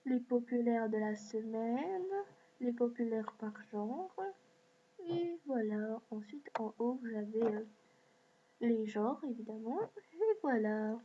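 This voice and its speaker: A woman's voice: fairly high pitch, takes it slowly, long pauses. A woman hosting a screen-recorded app walkthrough, talking in a hesitant way with many fillers. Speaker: video host. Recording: dull lo-fi mic with faint hiss.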